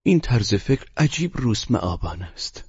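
A man voicing a haughty, mocking Frenchman who speaks with slow disdain, in a dull lo-fi recording. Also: fairly low pitch, sing-song, a little mellow, slightly rough, no room sound, heavily acted.

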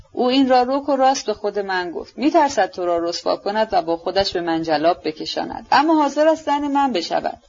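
A woman's voice: mid-range voice, a little mellow. A woman reading aloud, voicing a bitter, jealous, brooding young man who talks bluntly and intensely, in an audiobook. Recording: dull lo-fi recording.

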